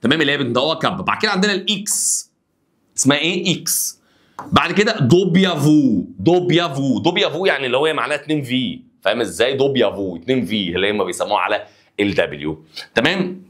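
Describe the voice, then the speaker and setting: A man's voice: mid-range voice, lively intonation, rapid-fire, a bit bright. A man with an Egyptian Arabic accent teaching an online language lesson, drilling letters and asking students to repeat after him.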